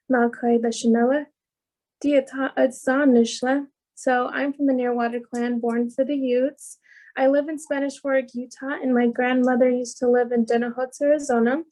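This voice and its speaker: A woman who works as a medical assistant, introducing herself on a panel in simple, soft-spoken phrasing. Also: high-pitched.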